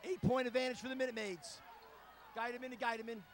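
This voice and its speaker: A man calling live high school basketball play-by-play in a gym, in brisk, clipped calls that rise to shouts. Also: steady tone. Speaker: play-by-play announcer. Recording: crowd noise and hiss behind.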